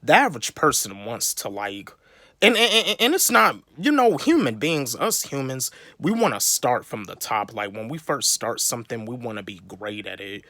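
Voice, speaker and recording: A man's voice: mid-range voice, very animated, normal speed, bright, forceful tone, no echo. A young man from North Carolina, giving a rambling motivational talk to camera, full of repeats, fillers and restarts. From North Carolina, USA. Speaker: vlogger.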